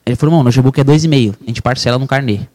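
A man's voice: mid-range voice, very fast, a little mellow. A man, a real estate broker guesting on a podcast, telling an emotional personal story with intense, fervent delivery. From Brazil. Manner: intense, fervent, calls listener "irmão".

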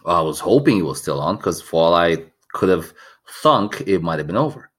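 A man with a deep, low voice co-hosts a casual podcast, chatting and telling stories with enthusiasm. His voice is still a little worn from yelling at a match days ago. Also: very animated, normal speed, breathy edge. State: recovering a lost voice. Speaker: podcast co-host. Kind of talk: casual chat.

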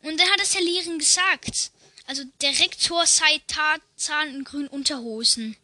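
Host: high, bright woman telling jokes slowly, giggly, casual slang, dry sound. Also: dry recording. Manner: giggly, laughs at her own jokes. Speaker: channel host.

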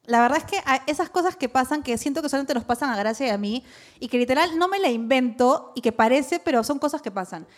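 A woman's voice: sits high, fast. A woman with a Peruvian accent co-hosting a podcast recorded live, telling stories in casual, slangy talk and acting out what people said. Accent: Peruvian Spanish. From Peru. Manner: animated, slangy, acts out quotes. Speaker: podcast co-host. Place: live recording before a small audience.

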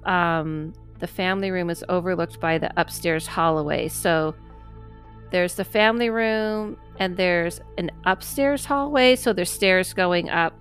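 Over soft background music, a female podcast host with a lowish, slightly slow voice talks casually with her guest. She affirms what they say frequently and laughs readily.

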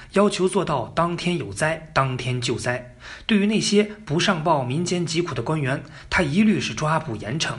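A man's voice: a little high, a bit bright. A man telling history as a casual story, colloquial and joking, with asides to the listener. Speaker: narrator.

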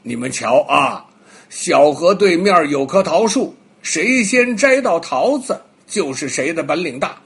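A wise old bear in a children's storybook who speaks calmly and gives instructions, with a husky, breathy voice, as a grandpa storyteller puts him on. He talks slowly. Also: a little high, exaggerated voice. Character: wise old male bear, calm referee.

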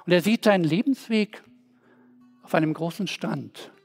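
A man's voice: sits high, normal speed, darkish tone, soft background music. A man preaching a sermon as a pastor, telling stories and repeating phrases rhythmically. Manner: storytelling preacher, rhythmic repetitions.

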